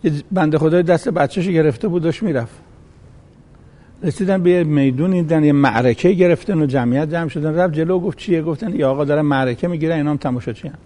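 A man's voice: on the high side, dark tone. A man preaching a sermon, reciting Arabic verses and acting out the voices in a folk story.

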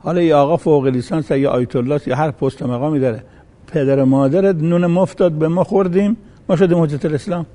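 Dark-voiced Persian preacher man. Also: on the high side. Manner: quotes Arabic verses, acts out quoted voices in a story. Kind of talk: sermon with a told story.

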